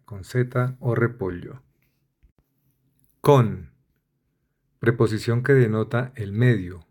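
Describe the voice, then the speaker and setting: A man reading dictionary entries aloud in a measured way, spelling out the end of each word. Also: on the low side, a little mellow. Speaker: dictionary reader.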